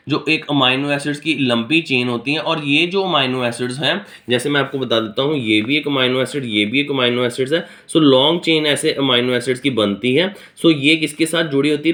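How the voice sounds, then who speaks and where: Bright-voiced tutor man. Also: mid-range voice. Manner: explains by asking and answering his own questions, many fillers. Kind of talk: recorded lecture mixing Hindi and English.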